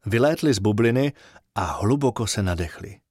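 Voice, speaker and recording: A man reading a children's bedtime story aloud in an expressive, sing-song way. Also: fairly low pitch, dry recording, studio quality.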